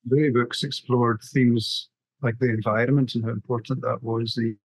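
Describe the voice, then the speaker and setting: Speaking with a Scottish accent, a middle-aged man from Scotland's west coast, a graphic novelist, gives a prepared webinar presentation by video call. His medium-pitched voice is level and moderately paced with a breathy edge, captured in a rough recording with no room sound.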